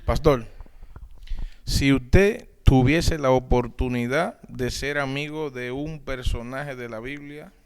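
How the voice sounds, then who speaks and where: A man's voice: mid-range voice, takes it slowly, clean tone. A man interviewing a pastor and asking him a polite, formal question.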